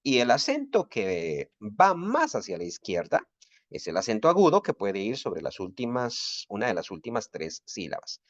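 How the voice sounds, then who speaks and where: A man's voice: medium pitch, no echo, highs cut off. A man teaching a recorded Bible Greek lesson, explaining grammar rules patiently and methodically.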